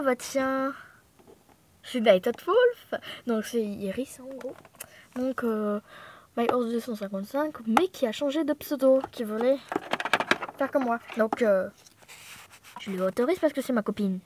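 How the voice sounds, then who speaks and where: Une jeune femme originaire de Thaïlande, bavarde et dispersée, pleine d'hésitations et d'excuses, filmée au téléphone dans son appartement. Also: female voice, on the high side, normal speed, long pauses, background noise. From Thailand. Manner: chatty, scattered, lots of fillers and apologies. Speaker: vlogger. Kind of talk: casual chat to camera. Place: apartment room at home. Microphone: phone held in hand.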